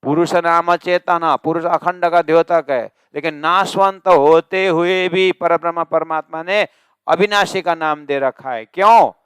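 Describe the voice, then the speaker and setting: A male religious teacher giving a scripture discourse, chanting verses slowly and explaining them with emphatic, rising questions. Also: on the high side, a bit bright, smooth, dry recording, clean studio sound.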